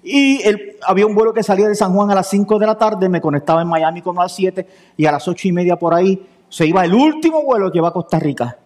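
Fairly high-voiced preacher. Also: male voice, quick pace. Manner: lively storyteller acting out dialogue. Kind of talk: sermon storytelling.

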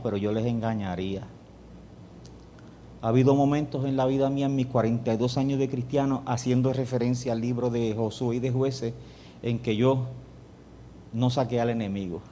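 A man's voice: mid-range voice, a little hiss or hum. A middle-aged man, a pastor preaching a sermon and acting out dialogue as he tells a story. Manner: animated storyteller, acts out dialogue.

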